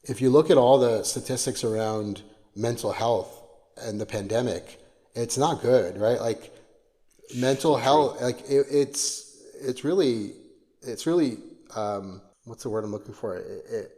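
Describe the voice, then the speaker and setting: A man's voice: mid-range voice, mellow, long reverb tail. A man co-hosting a podcast in casual conversation, often stopping and restarting as he searches for words. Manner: halting, gropes for words with many restarts. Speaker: podcast co-host.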